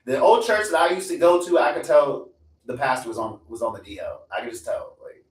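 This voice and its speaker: Recorded from a distance in a reverberant room, a young man in his twenties hosts a live stream. Speaking briskly at medium pitch, he rants casually, swears, and repeats lines to drive them home.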